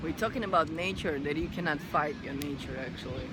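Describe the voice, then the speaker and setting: A woman's voice: deep voice, fairly quick. Woman chatting on a noisy beach. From Russia. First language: Russian. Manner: earnest and playful, laughs easily. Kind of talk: casual chat. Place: outdoors on a beach. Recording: noisy outdoor beach recording.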